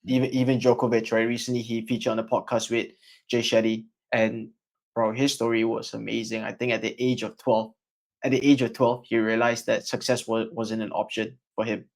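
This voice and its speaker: A man's voice: mid-range voice, level tone, a little fast, vocal fry. A man interviewing a guest in an informal, conversational way. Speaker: podcast interviewer.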